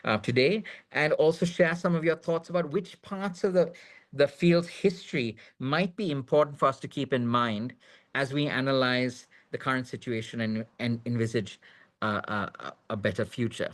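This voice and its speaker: A man moderating an online panel webinar, introducing guests with many ums and restarts. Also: medium pitch. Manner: many fillers and restarts, measured. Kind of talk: hesitant spoken introduction. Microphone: video call.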